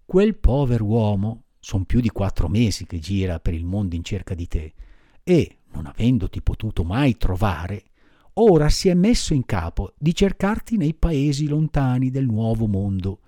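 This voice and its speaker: A man voicing a big kindly male pigeon in a low, steady, gently advising storybook voice, recorded dry. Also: moderate pace, dry recording. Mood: calm. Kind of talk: audiobook character voice.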